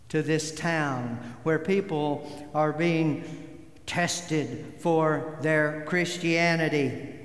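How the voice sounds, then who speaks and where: A man preaching a sermon as pastor, slow and deliberate, leaning hard on key words. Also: on the high side. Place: church sanctuary. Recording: echoey hall with long reverb.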